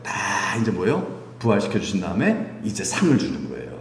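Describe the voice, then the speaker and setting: A man's voice: fairly low pitch, wildly swooping pitch, a little fast, vocal fry. A male pastor preaching a sermon, asking his congregation questions and chuckling as he makes his points. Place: church sanctuary. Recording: echoey church hall, faint ambience.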